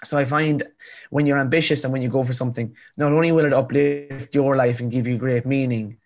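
With a rural Irish accent, a County Cavan man in his twenties, an author appearing as an interview guest, tells his story in a mid-range voice. The delivery is a little fast with fairly even intonation, earnest and emphatic, and he repeats phrases for effect.

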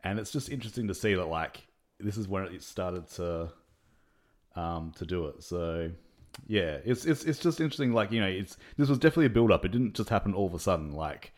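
Deep-voiced man in loose podcast chat. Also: expressive, fairly quick. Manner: rambling, many fillers, laughs between points. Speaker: podcast co-host. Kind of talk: casual chat.

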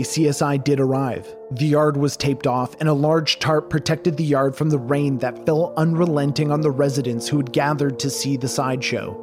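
A man narrating a true crime story in a measured, dramatic scripted style. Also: on the high side.

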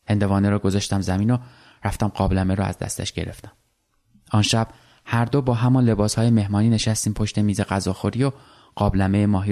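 A man calmly reading a literary short story aloud in the first person. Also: fairly low pitch.

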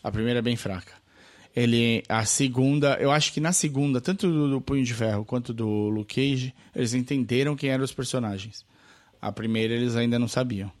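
Male co-host, congested from a cold, halting and self-correcting. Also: medium pitch. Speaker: podcast co-host. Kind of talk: casual film chat.

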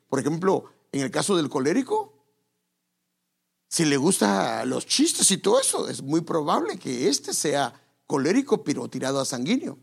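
A man's voice: fairly high pitch, creaky, slightly rough. A male pastor giving a sermon in a conversational way, speaking straight to his listeners and correcting himself as he goes. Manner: conversational, self-correcting, addresses listeners directly. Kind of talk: sermon on marriage.

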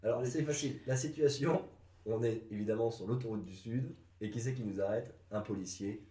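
Lively teasing guy hosting a podcast quiz, roomy room, mic kinda far. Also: medium pitch, a little fast. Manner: teasing, lively, laughs often. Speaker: quiz host. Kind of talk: podcast game show banter. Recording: roomy room, distant mic, faint noise.

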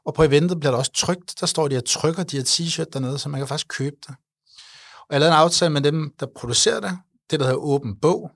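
A man in his forties, an event organizer, telling his story in an earnest, animated way during an interview. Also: a little high, no room sound, studio quality. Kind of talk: interview conversation.

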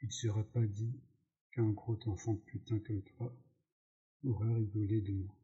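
A man's voice: on the low side, flat delivery, a little slow, warm tone, lightly acted. A man reading the lines of an angry, pugnacious young man who taunts and picks a fight, in a dull lo-fi recording. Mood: taunting.

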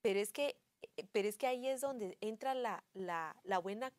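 A woman co-hosts a faith-based talk in a casual, anecdotal way. She often acts out little family conversations and fills her speech with small pauses and fillers. Her voice sits at an ordinary female pitch, recorded close and dry. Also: no echo.

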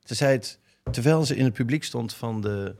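A man's voice: mid-range voice, normal speed, gravelly, darkish tone, slight background noise. A man co-hosting a podcast in a playful, casual chat, often laughing. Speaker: podcast co-host.

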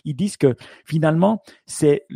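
A man's voice: a little high, moderate pace, gravelly, warm tone, breathy edge, dry recording. A man co-hosting a podcast in casual chat, thinking aloud with many restarts and fillers. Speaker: podcast co-host.

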